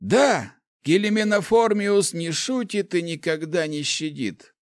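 A man's voice: fairly high pitch, animated, measured pace, no room sound, studio quality, voice pushed up. A man voicing a grumpy, gloomy old male mage who grumbles his lines in an audiobook. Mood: grumbling. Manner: grumbling, growling. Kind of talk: audiobook character voice.

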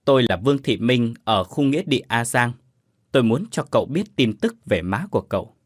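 A sorrowful older woman counsels patience in a spoken ghost story, as a male narrator reads her lines. Her voice is husky and slow. It is recorded close and dry. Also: medium pitch, sing-song, dry recording. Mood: solemn. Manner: slow, solemn, measured.

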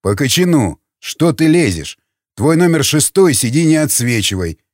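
A man voicing a stern veteran commander who barks orders gruffly. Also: fairly high pitch, very animated, moderate pace, no room sound. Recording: dry studio with faint music.

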